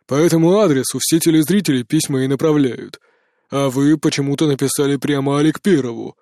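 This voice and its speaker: A man reading an audiobook, voicing a stern male investigator who asks slow, pressing questions. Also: medium pitch, warm tone, no room sound, clean studio sound, voice pushed down, lightly acted. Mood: probing.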